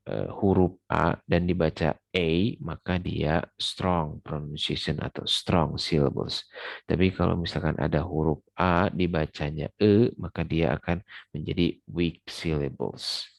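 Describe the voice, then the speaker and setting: A man's voice: deep voice, creaky, no echo. A man teaching English sound rules in a loose lecture, full of fillers and mixing in English terms. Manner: many fillers, mixes English terms into explanations. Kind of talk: casual recorded lecture.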